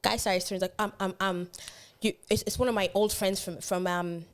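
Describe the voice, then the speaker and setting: A young woman, telling a story in animated, slangy podcast chat. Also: medium pitch, normal speed. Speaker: podcast co-host.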